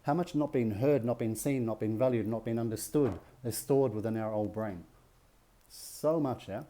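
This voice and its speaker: Male workshop leader, middle-aged, very mellow warm tone, keeps asking his listeners "yeah?". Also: mid-range voice, normal speed. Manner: checks in with the audience with rhetorical questions and "yeah?". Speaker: relationship workshop speaker. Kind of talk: teaching talk to a group.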